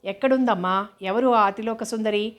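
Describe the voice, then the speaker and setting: A woman's voice: medium pitch, normal speed, close to an everyday voice. A woman voicing a young adult son who is puzzled and wry, questioning in his manner.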